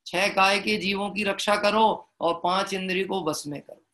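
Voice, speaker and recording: A man preaches a devotional sermon in a high, ringing voice. He mixes plain storytelling with slow, chanted verses and keeps asking the listeners rhetorical questions. His tone stays bright and clear throughout. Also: fairly even intonation. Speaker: Jain preacher.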